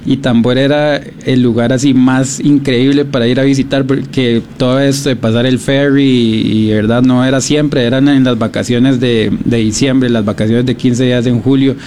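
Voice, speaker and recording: A Costa Rican man being interviewed about his beach project, speaking thoughtfully with many pauses and restarts. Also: mid-range voice, fairly even intonation, a little mellow, a little hiss or hum. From Costa Rica. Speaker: guest, beach documentary project creator. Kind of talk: radio interview, casual.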